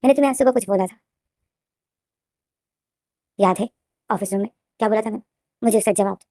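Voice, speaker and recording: A woman voicing a possessive, menacing young male student who talks in a soft, smug, threatening way, in a plainly read story. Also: medium pitch, a little fast, dry recording, clean studio sound, natural voice. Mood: insistent.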